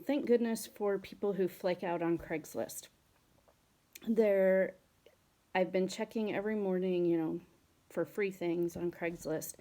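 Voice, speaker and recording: A middle-aged woman with a warm, medium-pitched voice chats casually in a home vlog about reselling scrap, telling rambling stories full of fillers. She films at home, in her garage and in her car.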